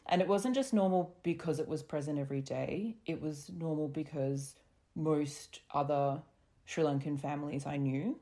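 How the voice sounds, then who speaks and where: A woman speaking as a podcast guest through a voice disguise that makes her sound deeper, talking in a reflective, measured way with small restarts over a remote call. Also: dark tone. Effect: voice altered to sound deeper for anonymity. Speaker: guest sharing lived experience. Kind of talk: candid podcast conversation. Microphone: remote recording over a call.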